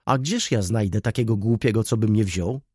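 A man's voice: on the low side, normal speed, darkish tone, breathy edge, dry recording, studio quality. A man voicing a fretful, weepy old aunt who pities herself in a plaintive, raised voice. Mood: lamenting. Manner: plaintive, self-pitying.

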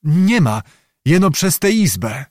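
A nervous male innkeeper who answers quickly and deferentially, put on by a male narrator. His voice rides high, the recording dry. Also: sing-song, a little mellow, no room sound.

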